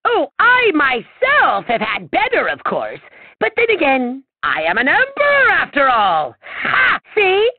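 A man voicing a vain, scheming little evil emperor in a video game, with a shrill gravelly voice and a pompous, theatrical, exclamatory delivery. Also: huge pitch swings, measured pace, no echo, exaggerated voice. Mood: menacing, smug, then gloating. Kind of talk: video game villain voice acting. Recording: thin, phone-like narrow-band sound.

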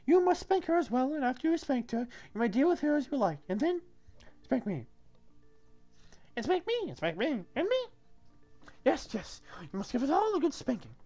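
A woman's voice: sits high, sing-song, normal speed, pauses often, warm tone, dull audio, faint music behind, full character voice. Woman playing a gushing, flirtatious castle maiden, Zoot. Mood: eager. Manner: theatrical, gushing, insistent. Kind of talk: comic script read-through.

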